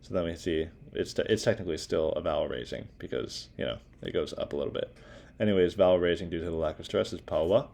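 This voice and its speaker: A man's voice: sits low, fast talker, creaky, a little mellow. A young man giving a casual class presentation, talking informally with many fillers and restarts. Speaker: student presenter.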